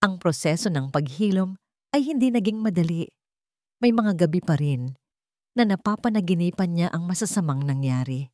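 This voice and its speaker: A woman with a Filipino accent narrates a scripted dramatic story. Her voice sits fairly low with a darkish tone, and the recording is studio quality with no echo.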